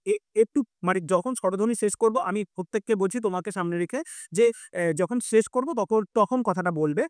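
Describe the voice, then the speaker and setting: A man's voice: high voice, fairly quick, no echo, clean studio sound. A man teaching a live online class, explaining step by step, sounding out vowels and correcting himself as he goes.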